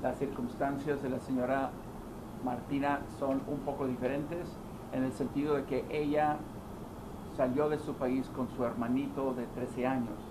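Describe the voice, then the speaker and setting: A man introducing speakers at a news conference, speaking in a measured way with some hesitant fillers. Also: medium pitch, little pitch movement. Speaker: press conference moderator. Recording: noisy press room audio.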